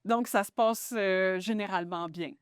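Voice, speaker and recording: A woman speaks in a relaxed interview, thoughtful and eager as she searches for her words. Her voice sits at a middle pitch. The recording is dry and close, with little room sound. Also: normal speed, smooth, no echo. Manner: reflective and enthusiastic, many hesitations. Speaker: radio journalist and host, interview guest. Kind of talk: casual interview conversation. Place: radio studio.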